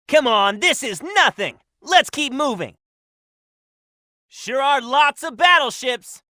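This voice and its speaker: A cocky upbeat cartoony hedgehog hero for a game, bright forceful voice, dry sound. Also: male voice, very high-pitched, takes it slowly, no room sound, full character voice. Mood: cocky, excited. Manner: brash, energetic. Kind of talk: video game in-action voice lines.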